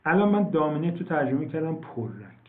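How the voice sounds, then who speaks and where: A man teaching an online English class, explaining words slowly and repeating them, with many fillers. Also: fairly high pitch, big pitch swings. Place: online video call. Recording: tinny phone-like call audio, echoey.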